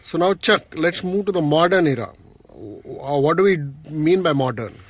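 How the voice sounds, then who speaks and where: A man's voice: fairly high pitch, lively intonation. Wry South Indian man co-hosting. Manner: wry, teasing, with halting restarts. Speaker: podcast co-host. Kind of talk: casual chat.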